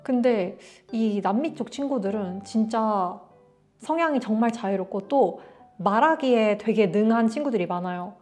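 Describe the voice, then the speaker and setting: A woman's voice: mid-range voice, moderate pace, faint music behind. A young woman from Korea telling a story to camera in a casual vlog, acting out bits of dialogue as she goes. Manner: animated, acts out dialogue in quotes. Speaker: vlogger.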